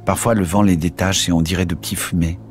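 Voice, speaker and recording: A man reading the lines of a calm, rule-bound veteran sergeant in an audiobook, formal and matter-of-fact. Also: sits low, fast, music in the background, natural voice.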